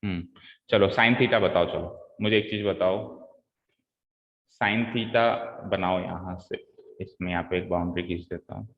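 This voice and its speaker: A man's voice: low-pitched, steady tone, unhurried. A man teaching a live online maths class, quizzing his students and coaxing them through each step patiently. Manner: quizzes students, calls them "beta" and "bhai". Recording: echoey room, dull lo-fi sound.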